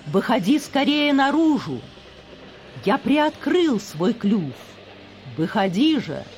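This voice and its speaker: A woman voicing a mighty urgent bird king. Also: on the high side. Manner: urgent pleading calls.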